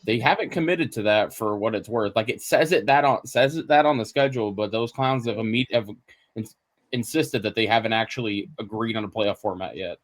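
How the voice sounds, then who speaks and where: A man's voice: fairly low pitch, brisk, no echo. A man on a podcast in casual chat, blunt and opinionated, swearing freely. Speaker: podcast guest.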